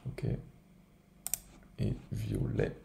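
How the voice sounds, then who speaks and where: A man from France, giving a casual improvised software tutorial and thinking aloud step by step. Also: extremely slow, echoey room, slight background noise. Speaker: video editing tutorial presenter.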